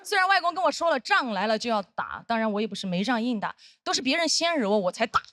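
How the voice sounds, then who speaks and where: A young woman performing a stand-up comedy set on stage, telling stories with deadpan punchlines and shrill, snide voices for the people in them. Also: fast talker, no echo, clean studio sound. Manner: lively storytelling, deadpan punchlines; acts out a bully's shrill, snide voice. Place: comedy stage before a laughing audience.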